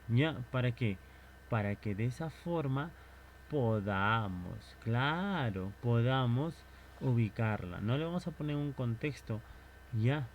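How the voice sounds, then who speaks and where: A man teaching a recorded lesson who keeps asking questions and answering them himself. His voice has a middle pitch. Faint background noise sits under the recording. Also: darkish tone.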